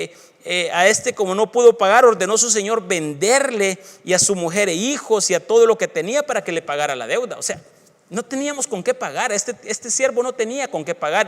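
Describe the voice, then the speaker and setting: A man preaching as pastor, reading scripture aloud and breaking into emphatic, rising bursts between quieter asides. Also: high voice. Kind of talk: sermon. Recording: long church reverb.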